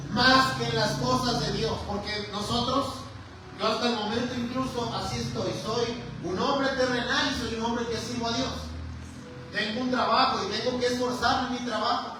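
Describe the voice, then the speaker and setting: Mexican preacher, animated sermon, high voice, very echoey hall, distant mic. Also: male voice, noisy background. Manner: animated, conversational, leads call-and-response. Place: church hall.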